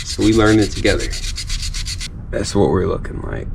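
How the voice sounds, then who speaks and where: Outdoors while restoring wheels himself, a car DIY vlogger narrates a casual how-to, sounding stuffy from a cold. His voice is lowish and gravelly at a normal pace, relaxed, chatty and self-deprecating, with a little hiss or hum on the recording.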